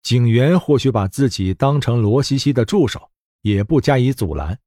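A man narrating a fantasy web novel as an audiobook, with expressive storytelling. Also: mid-range voice, moderate pace, dry recording, clean studio sound.

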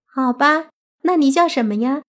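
A woman's voice: sits high, normal speed, voice pushed up, close to an everyday voice. A woman voicing a playful, cute young female fox spirit in a coy, sweet, bubbly way. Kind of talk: audiobook character voice.

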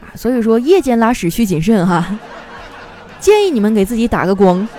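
Lively laughing woman comedy host. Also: fairly high pitch, brisk, faint music behind, a faint crowd. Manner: laughs often while reading, lively. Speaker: host reading joke submissions. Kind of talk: comic storytelling podcast.

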